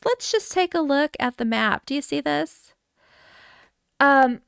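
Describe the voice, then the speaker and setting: A woman's voice: a little high, a bit bright, clear, resonant tone, no echo, studio quality. A middle-aged woman hosting a live game stream, chatting casually and laughing as she reads out viewer names. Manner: chatty and giggly, reading out chat names. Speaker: livestream host touring a game island. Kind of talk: casual live gameplay chat.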